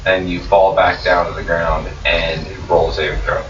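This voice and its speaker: A man narrating as dungeon master at a tabletop game, slow and grim, with swearing. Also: sits low, level tone, distant mic. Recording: roomy, muffled, noisy recording from off mic.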